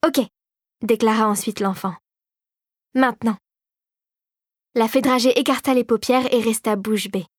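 Woman reading a fairy-tale audiobook, fairly high voice, dry close sound. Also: steady tone, a little fast, few pauses, dry recording. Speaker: narrator. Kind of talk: audiobook narration.

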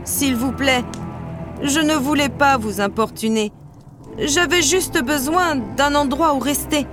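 A woman's voice: mid-range voice, fairly even intonation, normal speed, lightly acted. A woman voicing a frightened, lost old man who stammers and pleads for shelter, over background music. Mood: pleading.

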